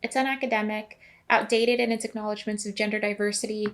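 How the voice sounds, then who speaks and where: A woman's voice: medium pitch, steady tone, quick pace. A young woman narrating a video essay in a casual, chatty way, with asides to the viewer.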